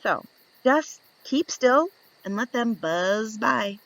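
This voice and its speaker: Taking her time over every page, a woman reads a picture book to young children, her expressive voice rising and falling. She plays with the tale and asks her listeners question after question. Her pitch is fairly high, her delivery slow and creaky, and the poor audio carries no echo.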